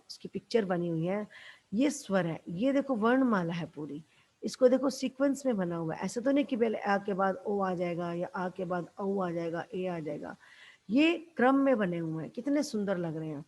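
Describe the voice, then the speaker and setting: A woman's voice: medium pitch, lively intonation, a little mellow. A woman teacher giving a patient lesson to young schoolchildren, calling them "beta" and "bachche", with a Haryanvi accent. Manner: slow, patient, addresses pupils as beta and bachche. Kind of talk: classroom lesson for children.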